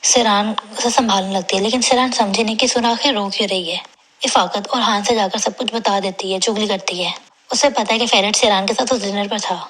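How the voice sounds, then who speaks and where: Female recap narrator: bright, breathy edge, brisk plain retelling. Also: medium pitch, steady tone. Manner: brisk storytelling, reads characters' lines in her own plain voice. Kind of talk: retelling a TV drama episode.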